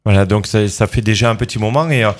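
A man's voice: fairly low pitch, fairly even intonation, fast. A man hosting a radio interview, asking questions with many fillers and restarts. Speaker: radio show host.

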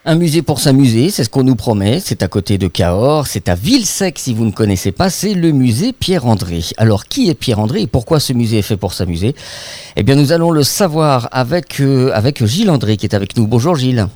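A man's voice: mid-range voice, sing-song, a little fast, a little mellow, a little hiss or hum. A man hosting a local radio interview, chatty and friendly, with filler hesitations. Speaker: radio host.

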